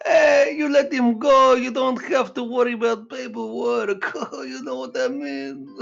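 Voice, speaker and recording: A woman's voice: fairly high pitch, lively intonation, slow pace, gravelly, highs cut off. A woman player in casual game table chat, joking and laughing.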